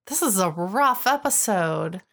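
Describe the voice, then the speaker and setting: A woman's voice: medium pitch, expressive, measured pace, fairly bright tone. A woman co-hosting a podcast, chatting candidly and wryly about a TV episode. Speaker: podcast co-host. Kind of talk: casual chat reviewing a TV episode.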